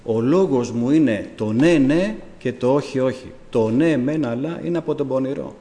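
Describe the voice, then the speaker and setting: A man, a deacon, telling his testimony to a church congregation in animated storytelling, acting out the dialogue of the people in it. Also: medium pitch, big-room sound.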